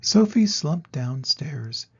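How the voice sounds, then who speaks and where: Gravelly grandpa voice reading a storybook. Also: male voice, a little high, very animated, takes it slowly, fairly bright tone, muffled recording. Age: older. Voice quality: gravelly, husky. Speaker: storybook reader. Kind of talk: children's storybook narration, read aloud.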